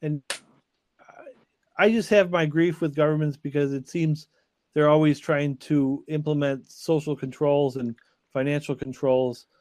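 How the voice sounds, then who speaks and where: Higher-voiced man, dry and close. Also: steady tone, a little slow, a little mellow, no echo. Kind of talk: casual discussion.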